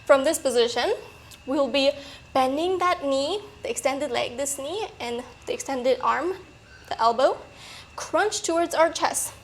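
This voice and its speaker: A woman coaching a workout in a peppy, encouraging manner, a little breathy from exertion. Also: sits high, a little slow, a little hiss or hum. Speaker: fitness coach. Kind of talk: workout instruction.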